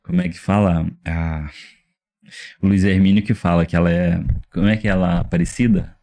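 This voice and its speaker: A man's voice: deep voice, fairly quick. A young adult man from Rio de Janeiro with a Carioca accent, a youth pastor telling his story in a casual interview, full of slang and acted-out quotes. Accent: Carioca Portuguese. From Rio de Janeiro, Brazil. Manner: animated storyteller, slangy, acts out quoted voices. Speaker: youth pastor, podcast guest.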